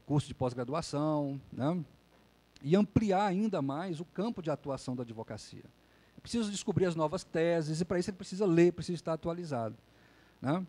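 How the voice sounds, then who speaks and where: With a fairly high-pitched, dark-toned voice, this male lawyer delivers a public lecture in a conversational style. He keeps tagging his sentences with a questioning "né?".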